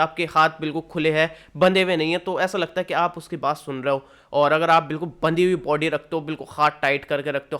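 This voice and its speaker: A young man teaches in a relaxed, talkative way, going back over each point in simpler words. His voice sits a little high for a man and comes through smooth and clean. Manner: chatty, repeats points with plain rephrasings. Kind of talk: casual lecture explaining slides.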